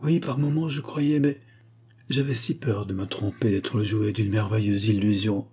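A man's voice: medium pitch, moderate pace, dark tone, breathy edge. A man voicing a shy, hesitant young widowed mother in a romance story read aloud. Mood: bashful. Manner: hesitant, modest.

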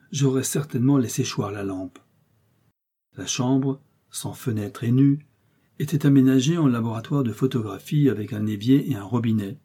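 Husky male audiobook narrator. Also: medium pitch, dark tone. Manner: measured, suspenseful reading.

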